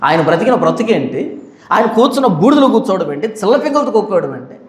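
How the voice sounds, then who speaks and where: A male pastor giving a Bible study sermon in an animated way, putting on quoted voices and asking the listeners questions. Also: high voice, fast, roomy sound.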